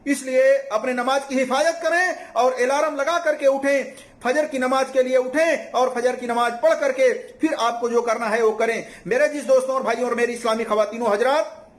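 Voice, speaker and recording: A man with a strikingly high voice delivers a religious sermon. He exhorts his listeners and repeats his appeals as he cites scripture references. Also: steady tone, normal speed. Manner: repetitive exhorting, cites hadith numbers. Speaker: Islamic preacher.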